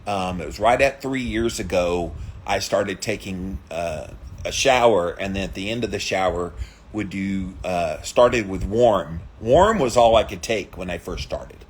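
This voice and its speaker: A man's voice: sits low, measured pace, slight background noise. A man chatting casually to his followers as a vlogger, drawing out key words for emphasis. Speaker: vlogger doing an ice bath challenge.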